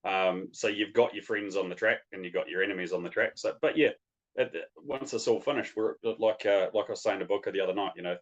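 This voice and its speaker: Lowish-voiced Kiwi man on lo-fi audio. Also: quick pace. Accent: New Zealand. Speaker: racer being interviewed. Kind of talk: casual interview chat. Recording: dull, lo-fi call audio.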